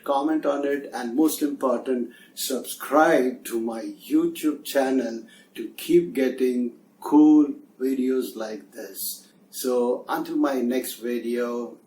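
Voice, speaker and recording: A middle-aged man, a soft skills trainer telling a story as a lesson in an earnest, conversational way. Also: mid-range voice, a little hiss or hum. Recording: echoey room, distant mic, faint ambience.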